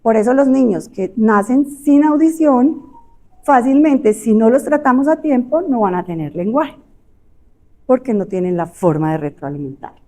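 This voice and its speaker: A woman with a Colombian Spanish accent and a slightly high voice gives a relaxed, conversational lecture on health. She explains things in a chatty way, with frequent fillers and tag questions thrown to the audience. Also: moderate pace. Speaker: audiologist giving a talk.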